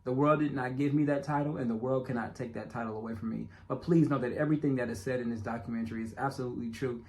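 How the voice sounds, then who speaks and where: A man with a stutter and a speech impediment narrates his own self-made documentary, talking directly to viewers in a casual, emphatic monologue and often repeating himself. His mid-range voice is a little mellow, with fairly even intonation and a fast pace.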